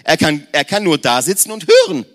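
A man around forty preaching a lively sermon in a conversational tone, speaking straight to the congregation. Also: fairly high pitch, a little fast. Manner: conversational, addresses the congregation directly, mixes in English slang words. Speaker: pastor.

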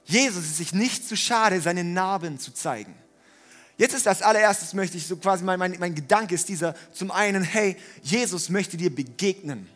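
A man preaching a sermon, animated, swinging between loud emphatic lines and quiet ones. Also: high-pitched, normal speed, faint music behind. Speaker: pastor.

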